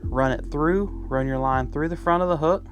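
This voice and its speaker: A man's voice: fairly high pitch, moderate pace, faint music behind. A man talking casually to viewers from his boat, explaining step by step how he ties a fishing rig, with plenty of ums and restarts. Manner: chatty, lots of ums and restarts, addresses viewers as guys. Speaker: fishing vlogger. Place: on a boat on a river. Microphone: first-person camera.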